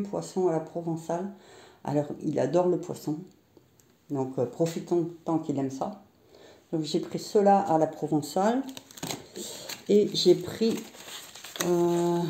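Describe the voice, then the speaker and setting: Middle-aged woman, casual vlog chatter, hesitant and rambling, very mellow tone, echoey room. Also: fairly low pitch. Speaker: vlogger. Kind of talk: casual grocery haul vlog. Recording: roomy echo.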